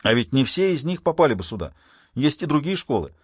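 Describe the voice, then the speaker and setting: An easygoing, cheerful teenage heir of a noble clan, as a male reader voices him, offhand and relaxed as he explains things. He speaks at a middle pitch in a dry, close storybook reading. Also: a little fast, slightly rough, no room sound.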